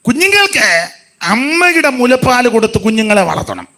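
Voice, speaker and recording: A man preaching a sermon in an animated way, rising to shouts and dropping to soft asides. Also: very high voice, normal speed.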